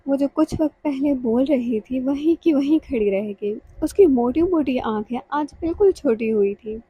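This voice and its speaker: A woman narrating a romantic novel in a measured, emotional reading. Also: high voice, husky, dry recording, dull audio. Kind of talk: scripted audiobook narration.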